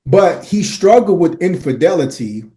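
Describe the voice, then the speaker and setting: Warm and fairly high, this animated male voice moves at a moderate pace. He's a Miami, Florida man in his forties, earnestly recounting his life as a podcast interview guest. Expect casual slang sprinkled with frequent "uh"s and "right?"s.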